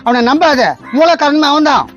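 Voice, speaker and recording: A woman dubbing a scheming older father-in-law who wheedles and flatters in a comic fan dub. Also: sits high, normal speed, faint music behind. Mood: wheedling.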